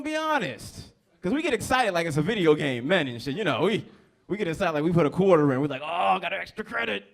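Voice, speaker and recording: Crude, lively stand-up comedian man. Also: fairly high pitch. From New Jersey. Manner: loose, crude, crowd-teasing. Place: comedy club stage.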